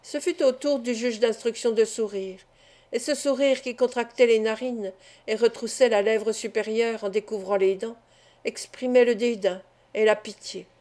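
Woman, audiobook narrator, mellow tone, a little high, even reading. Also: normal speed. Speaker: audiobook reader. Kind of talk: scripted narration.

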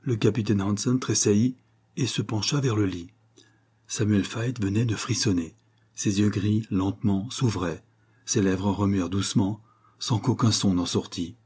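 Man reading a mystery novel aloud, low dark husky voice, steady. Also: normal speed. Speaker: narrator. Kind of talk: audiobook reading of a detective story.

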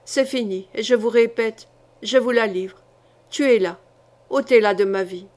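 Woman reading a raging medieval duke, hoarse and clipped, tense lines, storybook reading, fairly high voice. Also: moderate pace, darkish tone, natural voice. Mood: grim.

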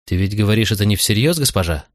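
A firm young Roman officer speaks in a low, resolute voice and barks short commands, as a man narrating the audiobook plays him. The reading is dry and close. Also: animated, fast, no echo, natural voice.

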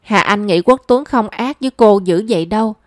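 A woman calmly narrating a story. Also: medium pitch, normal speed, no echo, clean studio sound.

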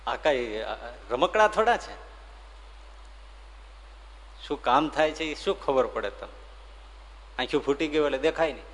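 Animated preacher in a reverberant hall. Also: male voice, medium pitch, a little slow, pauses often. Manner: animated storytelling, acts out voices. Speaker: swami, preacher. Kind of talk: devotional story sermon.

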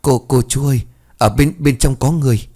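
A man's voice: medium pitch, lively intonation, rapid-fire, dark tone, voice pushed up, natural voice. A man voicing a scared young village boy who stammers as if about to cry. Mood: tearful fear. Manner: stammering, on the verge of crying.

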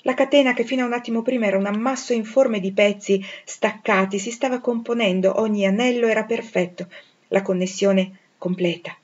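A woman reading a classic novel aloud in a measured, expressive way that grows dramatic on emotional passages. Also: medium pitch. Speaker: audiobook reader. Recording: dull lo-fi recording.

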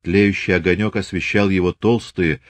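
Low, dry male audiobook narrator. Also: no room sound. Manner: steady, measured reading. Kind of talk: scripted literary narration.

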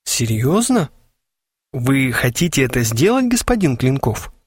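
A man's voice: medium pitch, big pitch swings, measured pace, husky, no echo, clean studio sound. A man voicing a stiff, strict society lady with a mincing, affected politeness, reading an audiobook. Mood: prim. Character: aristocratic older woman, prim, stiff and strict. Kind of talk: audiobook character voice.

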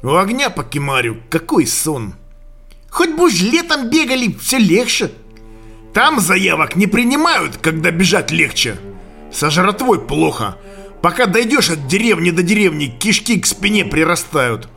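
A man reading an audiobook and voicing a weary young fugitive who speaks in a quiet, subdued way. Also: very animated, measured pace, creaky, soft background music, full character voice. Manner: quiet, subdued, low-keyed.

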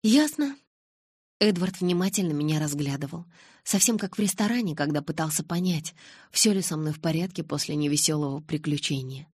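Low, husky female audiobook narrator. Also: brisk, no echo. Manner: expressive, lively reading of dialogue. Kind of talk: first-person audiobook narration.

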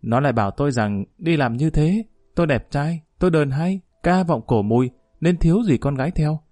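A man's voice: mid-range voice, lively intonation, fast talker, warm tone, no echo, studio quality, lightly acted. A man voicing a sheepish young village husband who complains defensively about his nagging wife. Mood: grumbling.

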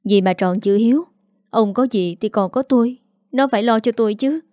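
A woman voicing a quarrelsome, greedy middle-aged mother who scolds fast and sharply. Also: fairly high pitch, mellow, dry recording, studio quality, lightly acted. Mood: angry scolding.

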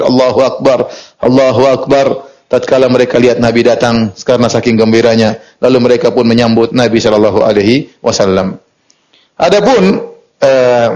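A male Islamic preacher giving a storytelling lecture, reading Arabic text and explaining it, lively and chuckling at times. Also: poor audio. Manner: lively, rises in pitch for emphasis and chuckles. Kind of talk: sermon.

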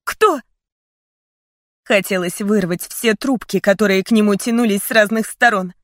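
A woman's voice: medium pitch, fairly even intonation, a little fast, no echo, clean studio sound. A woman narrating an audiobook in first person, earnest and heartfelt.

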